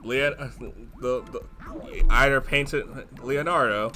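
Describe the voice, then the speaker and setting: A man's voice: medium pitch, slow, sharp tone, soft background music. A man casually commenting on a video game with friends, joking and rambling with restarts. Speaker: let's play commentator.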